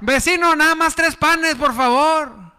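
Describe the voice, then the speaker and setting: A preacher doing a pleading midnight neighbor. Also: male voice, unhurried, bright, forceful tone, heavily acted. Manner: high, insistent begging. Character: pleading neighbor begging for bread at midnight, male. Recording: echoey hall.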